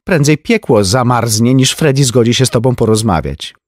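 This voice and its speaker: A rich socialite woman, bored and catty, her raised voice flat and offhand, as a male narrator puts her on. The lines swing up and down in pitch. It comes across dry and close. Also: moderate pace, no room sound, lightly acted. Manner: flat, indifferent delivery.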